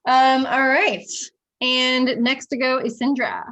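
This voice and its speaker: A woman's voice: sits high, fairly even intonation, slow pace, fairly bright tone. Casual woman running a tabletop game. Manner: casual, laughs often, swears. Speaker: game master.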